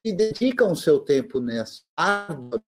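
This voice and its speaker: Husky man, audio breaking up. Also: fairly high pitch, big pitch swings, measured pace. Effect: choppy audio breaking up over a bad connection. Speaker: teacher. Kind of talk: casual online group talk. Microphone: video call. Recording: choppy video call audio, distant at times.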